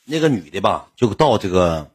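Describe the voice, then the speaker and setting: Speaking with a Northeastern Chinese accent, a man tells viewers his own story in a blunt, colloquial manner. His fairly low voice is very husky and highly animated, at a normal pace.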